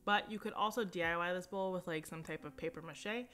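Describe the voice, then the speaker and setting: A woman's voice: on the low side, a little fast, fairly bright tone, faint music behind. A young woman narrating a casual home decor shopping vlog, chatty and upbeat, with plenty of fillers and little asides. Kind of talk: casual shop-with-me voice-over.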